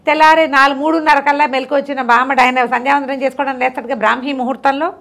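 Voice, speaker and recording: A woman's voice: high-pitched, rapid-fire. Chatty woman telling a folk tale. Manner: lively, chatty, asides to the listener. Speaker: storyteller.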